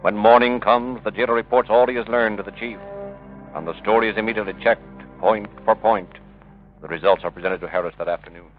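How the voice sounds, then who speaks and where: Grave crime-drama narrator male actor, lowish voice, measured and emphatic, muffled old radio sound with music behind. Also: fairly even intonation, natural voice. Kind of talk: dramatic scripted radio narration, 1930s-1940s.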